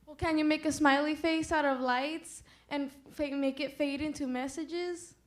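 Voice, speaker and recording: A woman's voice: high voice, fairly even intonation, unhurried. A young woman playing a proud talking sensor hat gadget in a student stage skit, eager and self-promoting. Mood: competitive.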